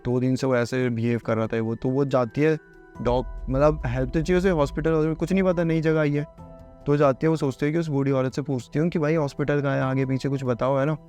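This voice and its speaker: A man's voice: on the high side, steady tone, a little fast, darkish tone, soft background music. A man casually narrating a horror storytime, chatty and conversational, calling the listener bhai.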